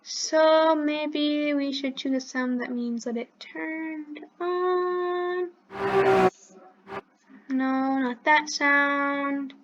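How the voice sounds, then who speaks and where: A woman hosts a coding tutorial and explains each click as she goes. She talks unhurriedly in a high voice and often stops to correct herself. The recording sounds a little dull and lo-fi. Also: fairly even intonation, extremely slow, noisy background. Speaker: channel host teaching coding.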